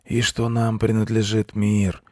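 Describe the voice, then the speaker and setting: A man voicing a very old grey male beaver, a pompous zealot who speaks slowly and solemnly. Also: on the low side, monotone, dark tone, no echo, studio quality, pitched above the performer's own voice. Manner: slow, solemn and self-important.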